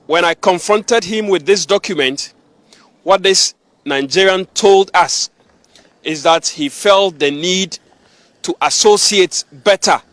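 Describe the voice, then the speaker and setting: A man's voice: high-pitched, fairly bright tone, no room sound. A man working as a news reporter, insistently grilling a suspect in a confrontational interview. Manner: pointed, insistent questioning.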